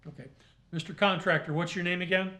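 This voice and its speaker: A man speaking as a magistrate at a formal hearing, questioning and ruling in deliberate, halting, formal phrases. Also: high-pitched, fairly even intonation, pushed and bright. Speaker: magistrate presiding over a hearing.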